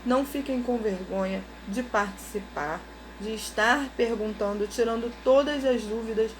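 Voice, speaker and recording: A woman's voice: a little high, moderate pace, noisy background. A woman teacher giving a recorded lesson to schoolchildren, explaining each step patiently and checking in with "ok?".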